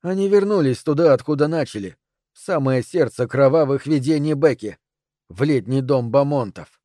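A man narrating an audiobook in a steady, even reading voice. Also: medium pitch, moderate pace, no echo, studio quality.

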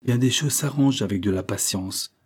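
A man reading aloud, voicing a gentle, sensible young woman who speaks in a soft, reassuring way. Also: fairly low pitch, normal speed, breathy edge.

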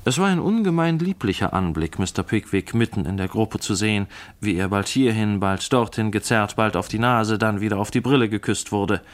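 A man reading a classic novel aloud as narrator, in a measured, clear storytelling manner. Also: lowish voice. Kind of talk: scripted literary reading.

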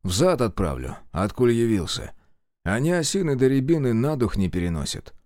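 A man voicing a gruff, curt fifteen-year-old village sorcerer in an audiobook. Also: medium pitch, sing-song, normal speed, a little mellow, dry recording, clean studio sound, close to an everyday voice. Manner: gruff, curt, rural dialect. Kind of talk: audiobook character voice.

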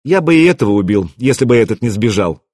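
Audiobook: a man putting on a cool, matter-of-fact warrior, slightly raised, husky. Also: medium pitch, lively intonation, fast, a little mellow, dry recording, studio quality, natural voice. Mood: calm. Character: calm cool-headed male warrior.

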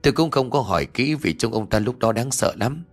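A man's voice: medium pitch, expressive, brisk, faint music behind. A man voicing a fretful, gossipy older village wife who nags her husband.

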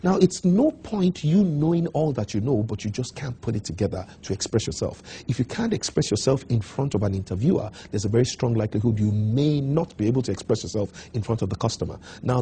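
A man's voice: mid-range voice, dark tone, a little hiss or hum. A man giving an emphatic coaching talk as a motivational speaker, repeating his key points.

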